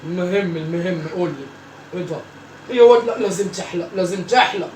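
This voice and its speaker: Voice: mid-range voice, fast, a little mellow, natural voice. A performer playing a teasing, bossy old Egyptian grandmother who scolds her grandchildren, repeating herself in a comic family sketch. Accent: Egyptian Arabic. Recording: roomy echo, from far off, faint noise.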